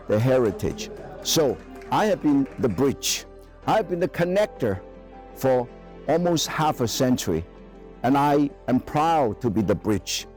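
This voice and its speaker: A man's voice: mid-range voice, darkish tone. Enthusiastic older man with Cantonese accent. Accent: Cantonese-accented English. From Guangzhou, China. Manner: enthusiastic, emphatic, broken English phrasing. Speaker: chef and presenter. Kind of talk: documentary presenting to camera.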